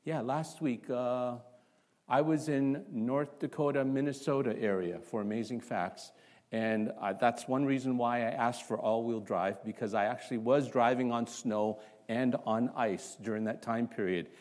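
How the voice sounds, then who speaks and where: A man from Canada preaching a sermon to a congregation in a church, opening with a quiet prayer, then asking the listeners one rhetorical question after another in an animated way. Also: medium pitch, a little slow. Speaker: pastor.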